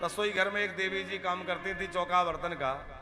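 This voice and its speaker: A high-pitched male preacher telling a devotional story. He chants Sanskrit verses and voices each figure's dialogue himself. A violin plays clearly behind him. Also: moderate pace, music in the background. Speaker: kathavachak preacher.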